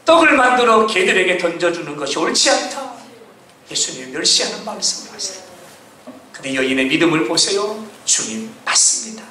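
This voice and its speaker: A male pastor preaching a sermon, with emphatic repeated refrains, shouted lines and calls for amen. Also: high voice, animated, brisk, slight background noise. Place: church sanctuary. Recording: echoey church from a distance.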